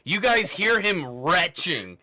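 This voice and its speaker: A man's voice: sits high, big pitch swings, slow, pushed and bright. A man narrating as game master in a tabletop game, casual and swearing with laughs.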